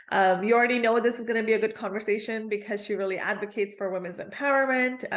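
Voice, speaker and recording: An upbeat woman hosts a podcast and interviews her guest in a friendly, conversational way. Her voice sits at a middle pitch. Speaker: podcast host.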